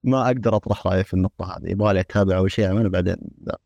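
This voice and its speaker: A man in a casual gaming discussion who talks haltingly, restarting often. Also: low-pitched, vocal fry, darkish tone, dry recording, lo-fi sound. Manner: halting, many restarts and repeated words.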